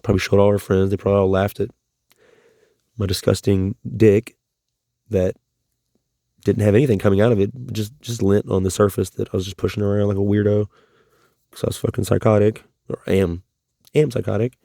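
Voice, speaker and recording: Guy ranting into his camera, swearing a lot, kinda dark mellow voice, goes way up when he's worked up. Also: flat delivery, fairly quick, creaky, long pauses, no echo, studio quality. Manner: rambling, profane and agitated; voice climbs high when upset. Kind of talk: confessional vlog monologue.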